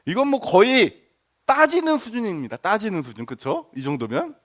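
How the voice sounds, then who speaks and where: Male pastor, high-pitched, conversational sermon delivery, poses questions to the congregation and voices the disciples. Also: huge pitch swings, normal speed, a bit bright.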